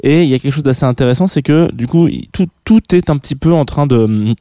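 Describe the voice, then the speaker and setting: A man's voice: medium pitch, animated, fast, warm tone, no room sound, clean studio sound. A man hosting a radio music show, chatting casually and rambling as he corrects himself while introducing a track. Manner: rambling, musing and self-correcting.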